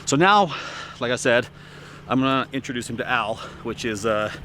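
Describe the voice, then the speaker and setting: A man's voice: mid-range voice, expressive, normal speed, noisy background. A man hosting a vlog, explaining casually with many fillers and restarts. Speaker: vlog host. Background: background music.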